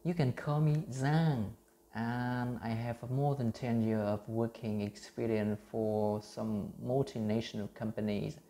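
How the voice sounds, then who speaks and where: Vietnamese man, 30s, earnest repetitive teacher, gravelly low-energy voice, phone recording. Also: steady tone, measured pace, dark tone. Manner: earnest, repetitive, many fillers and restarts. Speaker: English pronunciation teacher. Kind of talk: self-recorded teaching vlog.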